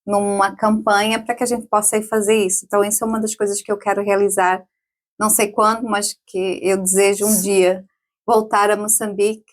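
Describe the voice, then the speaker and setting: Brisk, medium-pitched and flat in delivery, a woman in her forties chats casually as a guest on a podcast interview. She laughs frequently and keeps adding tag questions to her sentences.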